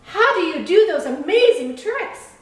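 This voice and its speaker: A woman doing a playful, earnest young lighthouse who longs for fun. The voice sits high and moves slowly, in a boomy room away from the mic. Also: sing-song, heavily acted. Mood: eager. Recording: echoey room from far off.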